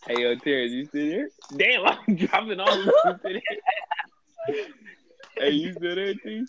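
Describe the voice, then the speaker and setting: A man's voice: high-pitched, huge pitch swings, unhurried, very noisy. A man joining a casual group chat over a phone call, loose and joking, laughing and swearing freely. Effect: heard over a phone call. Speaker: podcast co-host. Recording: muffled lo-fi phone audio.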